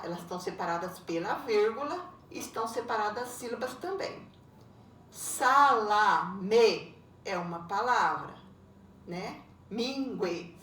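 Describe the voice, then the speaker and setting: A woman, a primary school teacher correcting homework in a recorded lesson, explaining slowly and patiently with frequent checking tags. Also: mid-range voice. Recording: roomy echo, voice a bit far from the mic, faint background noise.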